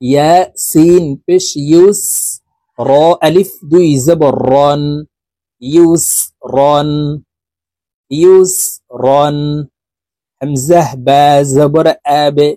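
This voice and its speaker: A man teaching Quran reading, spelling out syllables slowly and adding quicker, quieter explanations. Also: fairly high pitch, dry recording. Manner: drawn-out spelling drills, quicker quieter asides. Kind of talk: slow recited lesson with explanations.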